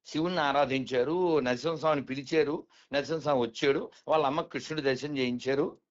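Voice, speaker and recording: A man's voice: mid-range voice, quick pace. A man lecturing on spiritual matters, firing rhetorical questions and coaxing his listener along. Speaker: spiritual speaker. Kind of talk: explaining conversation. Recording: dull lo-fi recording.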